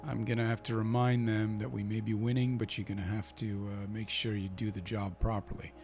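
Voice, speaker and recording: His delivery is flat and brisk, the voice lowish with a darkish tone, and faint music runs underneath. He's an Icelandic-accented gaming channel host chatting and thinking aloud through a football manager game while cheering for his team.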